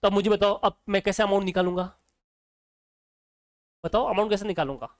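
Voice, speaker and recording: A man's voice: high-pitched, fairly even intonation, fairly quick, no room sound. A male accounting teacher, lecturing casually and quizzing students with repeated questions. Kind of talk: exam-prep lecture.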